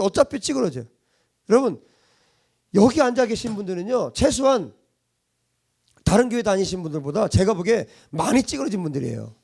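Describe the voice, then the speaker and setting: A man preaching a sermon to a congregation as their pastor, asking rhetorical questions and swinging between loud and hushed delivery. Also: sits high, gravelly, husky. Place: church congregation.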